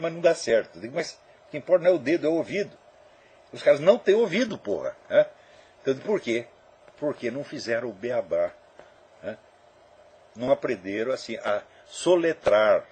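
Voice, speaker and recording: A man's voice: medium pitch, husky. A man with a Brazilian Portuguese accent giving an informal spoken lecture, digressive and emphatic and swearing often.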